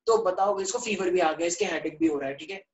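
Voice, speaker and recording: A man's voice: sits high, fast talker, a little hiss or hum. Male online-class teacher, jokey storyteller who teases pupils; roomy echo, distant mic. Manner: playful, teasing, storytelling with students. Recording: echoey room, voice from a distance.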